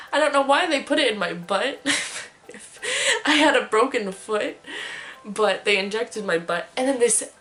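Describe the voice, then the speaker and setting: A young woman vlogging, telling a story in a casual, animated way and laughing often as she talks. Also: mid-range voice, noisy background.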